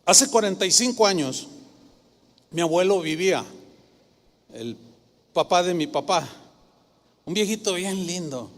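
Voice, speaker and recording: An older male pastor preaches in a lively storytelling sermon, lending voices to the people he tells about. His voice sits high for a man and carries a long echo through a church hall. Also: a little slow, long pauses. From Mexico. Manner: animated, acts out voices in his stories. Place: church service.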